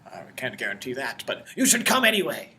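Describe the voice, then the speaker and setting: A man's voice: medium pitch, huge pitch swings, a little fast, bright, forceful tone, exaggerated voice. A man doing a pushy, salesy baker. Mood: bossy. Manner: bossy, salesy. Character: pushy, business-minded male baker.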